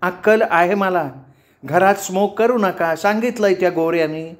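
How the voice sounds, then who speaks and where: Man acting young woman flatmate, dramatic, shrieking, higher pitch, storybook. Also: moderate pace, natural voice. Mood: panicked. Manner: shrieking, coy at times.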